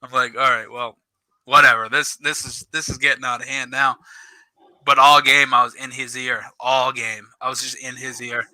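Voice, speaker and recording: A man's voice: mid-range voice, normal speed, no room sound, poor audio. A middle-aged man, a youth football coach telling a story on a casual podcast, acting out quoted lines and swearing. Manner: animated, swears, acts out quoted dialogue.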